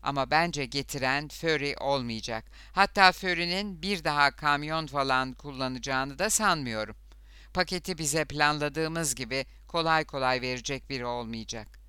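A man's voice: a little high, moderate pace, bright, forceful tone, clear, resonant tone, no room sound, clean studio sound. A man voicing a fierce, scheming outlaw leader in an audiobook, with bitter, hot-tempered speech. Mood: low, plotting. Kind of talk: audiobook character voice.

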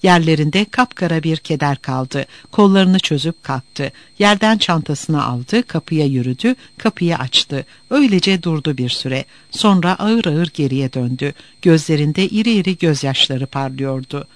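A man reading a novel aloud as narrator, in an expressive, dramatic way. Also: a little high, a little slow, hardly any pauses, no room sound.

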